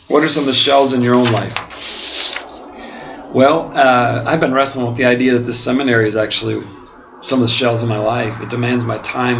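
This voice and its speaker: An American man speaking earnestly and haltingly in a reflective monologue, his mouth swollen after oral surgery as if numb from the dentist. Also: mid-range voice. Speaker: pastor and seminary student. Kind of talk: reflective monologue to camera, answering questions. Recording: dull lo-fi home video, clearly noisy.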